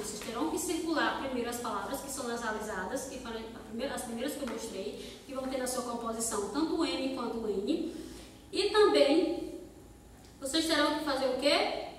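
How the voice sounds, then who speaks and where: A Brazilian woman teaching a children's class, asking rhetorical questions and sounding out words slowly, syllable by syllable. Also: high voice, fairly bright tone, slight background noise. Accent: Brazilian Portuguese. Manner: slow, sing-song word-by-word syllable demonstrations; asks pupils rhetorical questions. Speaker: primary school teacher. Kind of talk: recorded remote class lesson. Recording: echoey hall-like room, voice from a distance.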